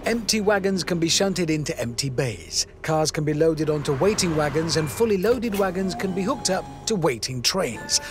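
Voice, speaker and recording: Male narrator, animated, with background music. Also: on the high side, moderate pace, hardly any pauses. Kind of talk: documentary voice-over narration.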